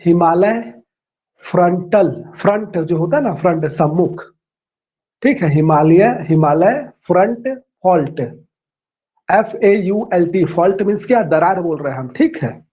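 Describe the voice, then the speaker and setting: High-voiced man teaching, dull lo-fi sound. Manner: repeats terms slowly, spells them out; checks in with "है ना" and "ठीक है". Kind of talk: classroom lecture.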